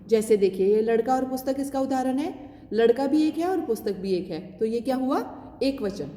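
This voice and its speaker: A young woman teaching a class, explaining patiently and slowly, asking questions and answering them herself. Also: sits high, warm tone. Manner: slow and explaining, repeats key words. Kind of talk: classroom grammar lesson. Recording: echoey room with long reverb.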